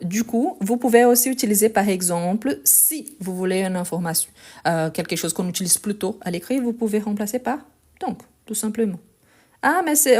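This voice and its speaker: A slightly mellow woman's voice of medium pitch leads a live online French lesson. She corrects a text bit by bit, talking slowly and patiently with frequent repetitions and many a "donc", her phone held in one hand.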